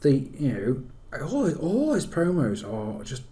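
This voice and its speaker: A man's voice: on the high side, huge pitch swings, takes it slowly, dark tone. A man co-hosting a casual wrestling podcast over an online call, talking in an emphatic, enthusiastic way with plenty of swearing. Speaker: podcast co-host and former wrestling performer.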